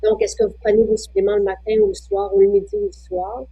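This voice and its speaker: A woman's voice: mid-range voice, level tone, fast, mellow, highs cut off. A woman with a Quebec French accent hosting a casual chat, chatty, sharing her own habits and reading out viewer questions. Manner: chatty, shares personal habits. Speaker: host of the show.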